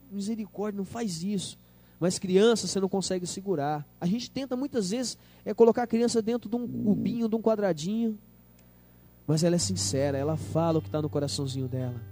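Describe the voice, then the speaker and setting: A young Brazilian pastor preaching a sermon in church, swinging from hushed tender lines to loud emphatic ones and acting out quoted voices. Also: male voice, high-pitched. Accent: Brazilian Portuguese. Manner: acts out quoted voices of children and God. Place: church service.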